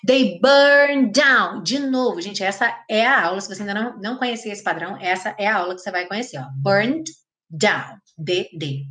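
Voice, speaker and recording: A woman from Brazil teaching a live online English lesson, explaining pronunciation with energy and slowly modeling phrases. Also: mid-range voice, fairly bright tone.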